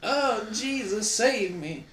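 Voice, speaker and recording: A man's voice: sits high, expressive, slow, fairly bright tone, a little hiss or hum, pitched above the performer's own voice, exaggerated voice. A man voicing a dying old woman who begs for forgiveness in a mock-pious tone. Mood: pleading. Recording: roomy echo.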